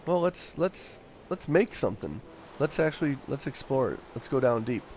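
Upbeat dad leading a family game. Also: male voice, mid-range voice, sing-song, darkish tone, slight background noise. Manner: upbeat and directing, quick to joke. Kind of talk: casual gaming chat.

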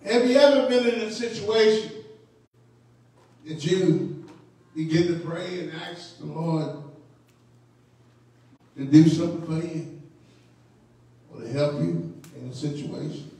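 A man preaches a midweek Bible study as a bishop, his voice riding high and his delivery slow and deliberate. He leans on call-and-response, throwing questions out to the congregation. The sound is picked up from a distance, ringing around a very echoey church hall. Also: mellow. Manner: unhurried, drawn-out phrases with call-and-response to the congregation. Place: church sanctuary.

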